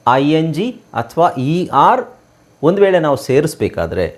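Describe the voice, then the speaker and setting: A man's voice: fairly high pitch, wildly swooping pitch, normal speed. A man from Karnataka teaching English spelling rules in a spoken lesson, spelling words out letter by letter and asking rhetorical questions. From Karnataka, India.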